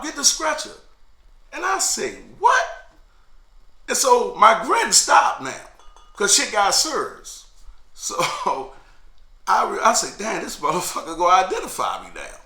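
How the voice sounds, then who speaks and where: A man telling his prison story in a sit-down conversation, profane and animated, acting out the voices of the people in it. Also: on the high side. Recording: echoey room.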